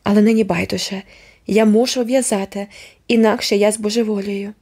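A woman's voice: mid-range voice, fairly even intonation, normal speed, a little mellow, husky. A woman reading the part of a stubborn older housekeeper, speaking firmly and emphatically in a storybook reading. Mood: resolute. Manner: firm, emphatic.

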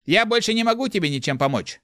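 A man's voice: sits high, lively intonation, fast talker, fairly bright tone, no room sound, studio quality, voice pushed up. A man voicing the disembodied voice of a male spirit inside a young man's head, scolding and urgent. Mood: scornful. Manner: urgent, reproachful. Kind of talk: audiobook narration.

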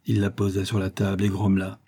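A man narrating an audiobook detective story in a measured, steady way. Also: low voice, breathy edge.

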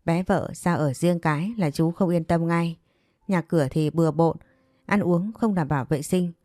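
A woman's voice: on the low side, normal speed, dark tone, no room sound, clean studio sound, lightly acted. A woman voicing an older man who dotes on and bosses his young lover in a spoken story. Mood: possessive. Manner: tender, coaxing, bossy.

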